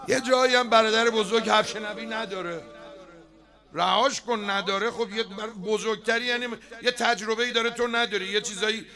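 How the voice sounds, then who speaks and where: A man giving a chatty, joking sermon at a religious gathering, now and then bursting out loudly. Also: high-pitched, fairly even intonation. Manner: chatty and joking, breaking into loud outbursts. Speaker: preacher. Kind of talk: conversational sermon. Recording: live crowd audible behind.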